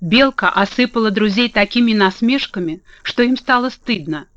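A woman's voice: fairly high pitch, animated, normal speed, a bit bright, dry recording. Woman reading a storybook aloud. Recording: dull lo-fi dry audio.

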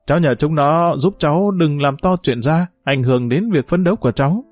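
A man's voice: fairly high pitch, a little fast, dry recording, faint music behind, close to an everyday voice. A man voicing a bold, outspoken young village woman in a story reading, blunt and cheeky. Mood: earnest. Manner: blunt, cheeky, talking loudly.

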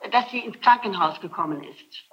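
A middle-aged woman suspect gives defensive testimony during questioning, repeating herself emphatically as she protests. Her medium-pitched voice is animated at a moderate pace, heard on a noisy old tape recording with the highs cut off.

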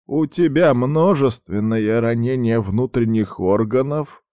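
A man voicing an old male healer who talks slowly and carefully. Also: mid-range voice, warm tone, dry recording, studio quality, pitched above the performer's own voice, close to an everyday voice. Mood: concerned. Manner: slow, careful.

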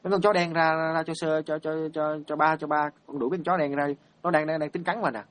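A man's voice: on the high side, fairly even intonation, quick pace, a bit bright, lightly acted. A man voicing a frightened dying old father who stammers panicked pleas. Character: terrified dying old father, a former hunter.

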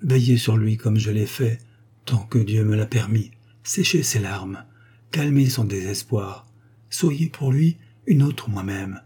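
A frail dying girl from a read-aloud novel, her voice faint and worn, sometimes sinking to a whisper, as a male narrator puts her on. The tone is low and dark, with a husky edge. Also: unhurried. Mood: serene. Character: dying young girl, frail, serene, devoted.

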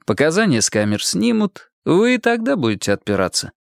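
Man as calm lieutenant, formal, measured delivery, slightly raised pitch. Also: vocal fry, no echo, clean studio sound, heavily acted. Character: calm patient male police lieutenant interrogator.

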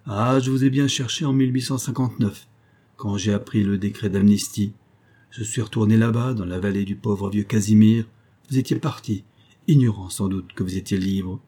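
A man reading the part of a weathered older boatman and former convict, low-voiced, humble and eager to serve. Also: steady tone, normal speed, mellow, husky. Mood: earnest.

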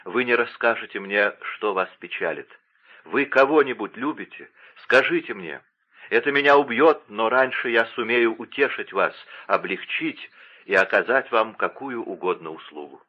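A man's voice: lowish voice, normal speed, muffled recording, lightly acted. A man reading an audiobook voices a respectful, restrained young count who is secretly in love. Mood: tender.

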